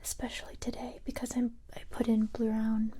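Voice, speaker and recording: Woman playing Jill Valentine, whispering calm recruiter. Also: fairly high pitch. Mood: calm, confiding. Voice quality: breathy, whispered. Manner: gentle, unhurried, hushed, matter-of-fact. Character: calm, confident female police special-forces recruiter. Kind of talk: soft-spoken ASMR roleplay.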